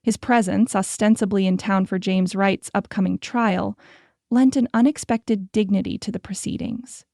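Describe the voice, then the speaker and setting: A woman narrating a historical romance audiobook in a measured, descriptive way, close to the mic. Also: mid-range voice, steady tone, gravelly, warm tone, no echo. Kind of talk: scripted narration.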